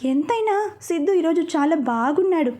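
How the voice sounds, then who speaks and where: A woman's voice: very high voice, expressive, normal speed, mellow. A woman voicing a flustered, scheming young woman in a storybook reading, full of fretful asides.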